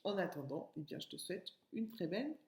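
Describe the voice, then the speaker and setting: A woman teaching a phonics lesson to young children, sounding out each word slowly and stretching the syllables. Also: fairly low pitch, lively intonation, creaky, a little mellow. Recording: echoey room.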